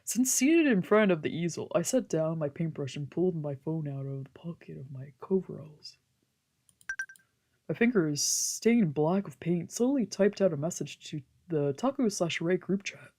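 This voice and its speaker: A woman with a low, mellow voice reads a visual novel aloud for a let's play, shifting between story narration and casual, slangy asides. Music plays behind her voice, and there is a little hiss or hum.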